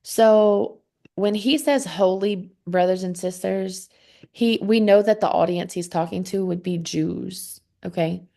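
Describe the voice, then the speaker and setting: A woman's voice: mid-range voice, unhurried, creaky, mellow. A woman leading a casual Bible study, talking conversationally with frequent "um"s and "okay?" check-ins.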